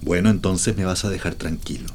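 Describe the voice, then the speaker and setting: A man playing a young writer, gently scolding. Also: low-pitched, a little fast, a little hiss or hum, natural voice. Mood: patient. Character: young male writer, earnest and teasing. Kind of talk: radio drama acting.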